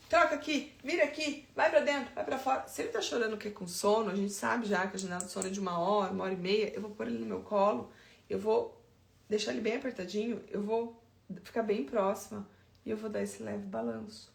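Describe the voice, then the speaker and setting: A woman's voice: medium pitch, creaky, reverberant. A Brazilian woman in her thirties, an infant sleep consultant giving chatty, emphatic advice straight to her listeners. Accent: Brazilian Portuguese. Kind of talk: informal advice talk.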